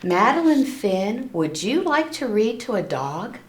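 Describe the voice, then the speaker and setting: Woman voicing a kind lady librarian, gentle, encouraging, storybook character, roomy echo. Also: on the high side, big pitch swings, unhurried, slight background noise. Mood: kindly, inviting. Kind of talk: children's storybook read-aloud. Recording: echoey room.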